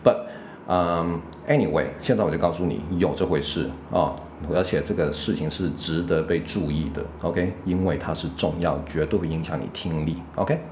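Low-voiced taiwanese mandarin guy teaching english sounds, chill and patient, keeps saying ok and right. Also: normal speed, darkish tone, slight background noise. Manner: explains patiently, with frequent check-ins. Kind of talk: casual spoken lesson.

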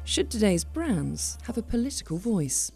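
A woman's voice: mid-range voice, very animated, normal speed, vocal fry. A woman hosting a podcast, reading a scripted introduction to the episode. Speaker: podcast host. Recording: music bed under voice.

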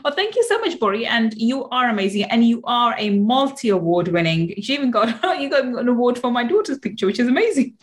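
Effusive woman podcast host, high voice. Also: very animated, brisk, few pauses. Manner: effusive, gushing praise. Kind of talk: podcast interview.

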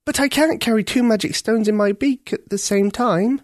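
A man's voice: sits high, normal speed, no room sound, studio quality, pitched above the performer's own voice, natural voice. A man reading a storybook aloud, voicing an earnest, kind-hearted young girl who talks eagerly.

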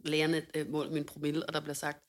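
Low-pitched and lively, the young podcast co-host spins a story in relaxed conversation. Her speech is thick with fillers and tinged with laughter.

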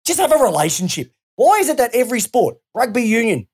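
Woman, Australian accent, sports podcast co-host, very lively pitch, ranting, sweary, casual. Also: fast, slightly rough.

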